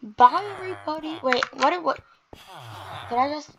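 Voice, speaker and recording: A woman's voice: sits high, normal speed, lo-fi sound, crowd noise. A woman giving rambling, self-interrupting casual commentary over her own gameplay, with keyboard typing behind her. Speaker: gaming video creator.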